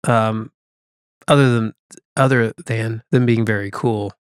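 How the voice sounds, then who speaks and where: A man's voice: fairly low pitch, fairly even intonation, unhurried, clean tone, dry recording, clean studio sound. A man co-hosting a podcast, talking in an easygoing, chatty way. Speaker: podcast co-host. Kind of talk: casual chat.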